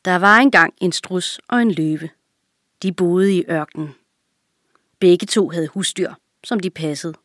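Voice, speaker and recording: A woman calmly and clearly reading a fable aloud for children. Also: on the low side, dry recording, studio quality. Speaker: reader.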